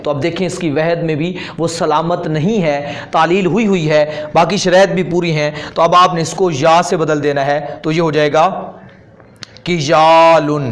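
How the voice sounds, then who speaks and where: A man with a Pakistani Urdu accent teaches a grammar lesson at a steady classroom pace. His voice sits a little high for a man. He repeats each term and asks his listeners questions, then answers them himself. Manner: patient, repeats terms and asks rhetorical questions.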